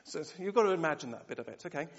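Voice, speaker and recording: A man preaching a sermon, animated and often asking the congregation rhetorical questions. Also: on the high side, rapid-fire. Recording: dull sound, long church reverb.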